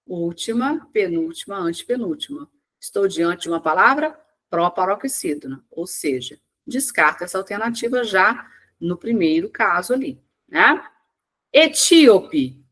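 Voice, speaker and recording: A woman's voice: mid-range voice, sharp tone. Woman teaching, step by step. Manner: explains step by step, asks and answers her own questions; stretches key words slowly to spell them out. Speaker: Portuguese teacher. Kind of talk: online exam-prep lesson.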